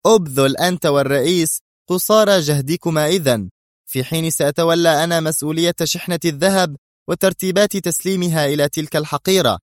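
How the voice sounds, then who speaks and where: A sharp, scheming female adviser, voiced by a male narrator in a storybook. She speaks curtly with little change from his own voice. The recording is dry. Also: fairly high pitch, fast, no room sound, voice pushed up, natural voice. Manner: sharp, curt.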